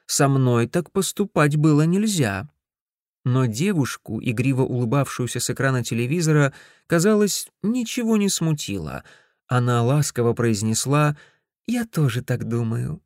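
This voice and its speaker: A man reading a first-person story aloud, expressive, breaking into angry shouts in character. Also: medium pitch, normal speed, dry recording, clean studio sound. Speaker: audiobook reader.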